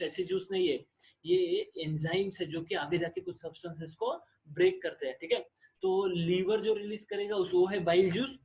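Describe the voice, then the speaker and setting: A man with a somewhat high voice gives a classroom lecture. He keeps posing questions to his students, answers them himself, and repeats the key words for emphasis. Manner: mixes in English terms. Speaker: teacher.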